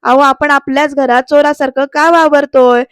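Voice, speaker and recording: A woman's voice: high-pitched, fairly even intonation, normal speed, dry recording, studio quality, lightly acted. A woman voicing a puzzled young man who keeps asking questions.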